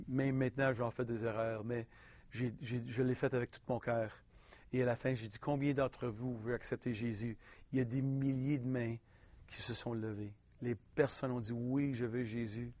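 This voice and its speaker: A man from Quebec with a Québécois French accent, preaching a personal testimony in an earnest, halting way with frequent restarts. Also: mid-range voice, darkish tone, dry recording, lo-fi sound.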